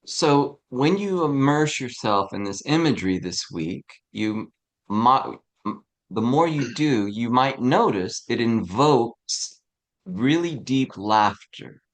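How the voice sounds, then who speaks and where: A man leads a spiritual study group in an easygoing, conversational way. He talks slowly and unhurriedly at a middle pitch, often chuckling and tossing in quick checks with the group. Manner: relaxed, chuckling, frequent "right?". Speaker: teacher of a tarot study group. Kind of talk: casual spiritual class talk.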